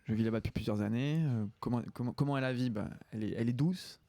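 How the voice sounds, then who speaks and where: A man's voice: medium pitch, fast, dark tone, no room sound. Guest author, man from France, hesitant chatty delivery, dry sound. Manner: hesitant, many fillers and restarts. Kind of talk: casual chat on a livestream.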